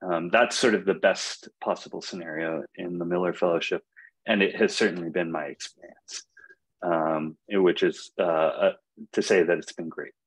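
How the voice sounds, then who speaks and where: Low-voiced young man on a webinar. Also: breathy edge, low-quality recording. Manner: relaxed, many fillers and restarts. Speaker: fellowship alumnus speaker. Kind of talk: casual webinar talk. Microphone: video call.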